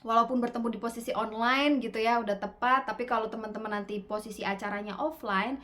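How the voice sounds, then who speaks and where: Brief: female public speaking coach on a webinar mic, relaxed and chatty, lifts and drops her intonation often. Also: medium pitch. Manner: lively rising and falling intonation; gestures constantly with her hands. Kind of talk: online webinar talk.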